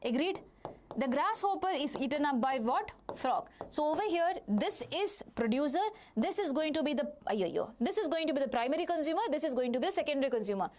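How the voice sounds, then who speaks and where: Her high-pitched voice has lively intonation and a fairly quick pace. She's an Indian-accented woman teaching biology in a live online session, addressing students directly, repeating key phrases, and answering her own questions.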